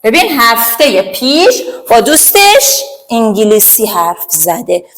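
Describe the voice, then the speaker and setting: A woman teaching an English grammar lesson, chatty and playful, giving verbs voices and drilling word pairs slowly. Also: a little high, very animated, a bit bright.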